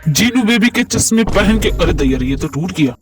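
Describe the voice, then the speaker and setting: A woman's voice: on the low side, lively intonation, normal speed, voice pushed down, lightly acted. A woman voicing a doting, clumsy older brother-in-law who fusses and soothes, heard from a distance over faint music.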